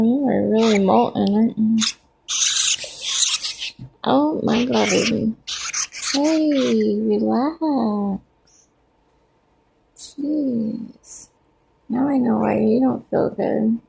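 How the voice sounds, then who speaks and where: A woman's voice: on the high side, slow pace, vocal fry, pauses often, warm tone, a little hiss or hum. A woman talking to her pet birds in a cooing, sing-song baby-talk voice, as their owner.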